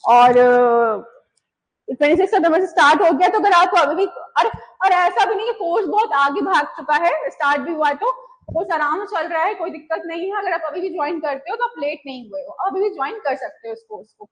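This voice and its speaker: High-voiced woman teaching grammar. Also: expressive, poor audio. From India. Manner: explains patiently, mixing Hindi and English, slows down on examples. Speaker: English teacher. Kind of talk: online grammar lecture.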